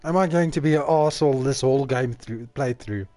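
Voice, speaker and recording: A man's voice: medium pitch, a little fast, a little mellow, dry recording. A man streaming a video game, chatting casually and thinking aloud with self-mocking remarks.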